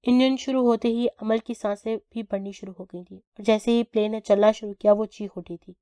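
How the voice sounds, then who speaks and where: A woman reading a novel aloud in steady, even narration. Her voice sits somewhat high and has a mellow, warm tone. The recording is dry and close. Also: no room sound. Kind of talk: scripted story narration.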